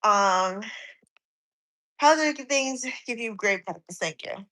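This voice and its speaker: A woman's voice: mid-range voice, animated, slow pace, pushed and bright, poor audio. A woman in her forties, slightly out of breath from cardio, chatting on a live stream and reading viewers' comments aloud. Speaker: fitness streamer.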